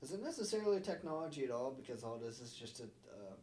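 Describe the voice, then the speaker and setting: A man's voice: medium pitch, big pitch swings, fast, a little mellow, a little hiss or hum. Drowsy cursing man, echoey room. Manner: drowsy, swears casually. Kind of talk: casual chat. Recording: echoey room with chatter behind.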